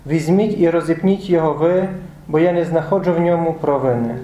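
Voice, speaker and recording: Man reading pilate asking questions, slightly high voice, mellow, echoey church. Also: fairly quick, lightly acted. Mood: stern. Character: Pilate, questioning Roman governor. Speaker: reader of Pilate's words. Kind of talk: liturgical Passion reading.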